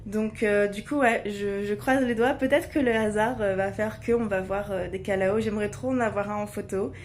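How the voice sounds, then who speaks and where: A woman's voice: mid-range voice, fairly even intonation, moderate pace. Casual woman vlogger over background noise. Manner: hesitant, searching for words. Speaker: travel vlogger. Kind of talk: casual chat to camera. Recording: clear background ambient noise.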